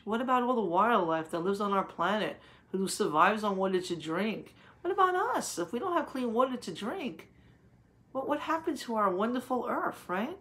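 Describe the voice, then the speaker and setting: Reading a picture book to little kids, this woman explains things like a teacher and poses easy questions, stretching her words out slowly and deliberately. Her voice is a little high and a bit bright.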